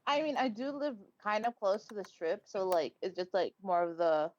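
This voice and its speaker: A woman's voice: medium pitch, animated, normal speed, muffled recording, a little hiss or hum. A woman chatting casually on a voice call, rambling and swearing freely. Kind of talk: casual chat.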